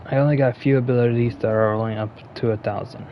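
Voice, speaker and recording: A man's voice: medium pitch, steady tone, fast talker, muffled recording, slight background noise. A man giving casual gameplay commentary, muttering and thinking aloud as he plays. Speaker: gaming streamer.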